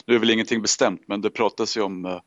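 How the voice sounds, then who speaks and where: A man on a podcast panel, talking halting with many fillers. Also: fairly low pitch, fairly even intonation, fairly bright tone, no echo. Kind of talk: casual podcast discussion. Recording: dry, dull lo-fi sound.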